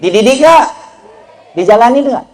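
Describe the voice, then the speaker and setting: A man giving a lively, humorous sermon, speaking directly to the crowd and teasing them. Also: very high-pitched, normal speed. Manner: lively, joking, addresses audience directly with Betawi slang. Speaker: preacher.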